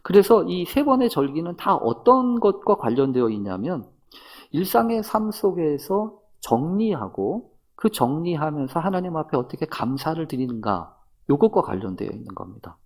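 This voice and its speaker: A man preaching a thanksgiving sermon as pastor, in a conversational way with rhetorical questions and soft murmured asides. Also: a little high, big pitch swings, normal speed.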